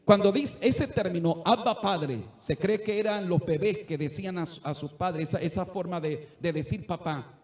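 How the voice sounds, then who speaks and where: A man's voice: high voice, moderate pace, darkish tone. A middle-aged male pastor preaching a sermon earnestly, at times rising to fervent exhortation. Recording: echoey church room.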